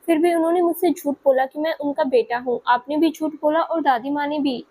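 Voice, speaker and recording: A woman's voice: sits high, steady tone, brisk, a little mellow, pitched above the performer's own voice, close to an everyday voice. A woman voicing a hurt young boy who is crying and pleading in a spoken story. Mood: tearful. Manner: sobbing, pleading.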